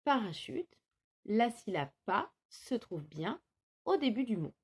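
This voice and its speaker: A woman teaching a phonics lesson to small children, sounding out each word syllable by syllable. Her voice sits a bit high and swings up and down a lot. She speaks very slowly and carefully. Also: sing-song. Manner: slow, clearly articulated, syllable by syllable. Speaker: kindergarten teacher. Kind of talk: recorded remote phonics lesson for young children.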